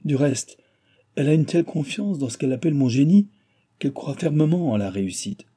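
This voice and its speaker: A man's voice: fairly high pitch, animated, mellow, husky, pitched above the performer's own voice. A man voicing a methodical aircraft engineer. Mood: reassuring. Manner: explains plans in long, measured sentences. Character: proud male aircraft engineer, calm and methodical.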